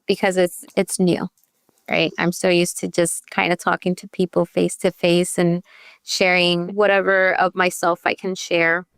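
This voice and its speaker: A youth advocate born in El Salvador and raised partly in Northern Virginia shares her personal story as a podcast guest, speaking candidly and conversationally and often checking in with "you know" and "right?". Her fairly low voice shows little pitch movement, is a little slow and clean-toned, and the studio recording is clean with no echo.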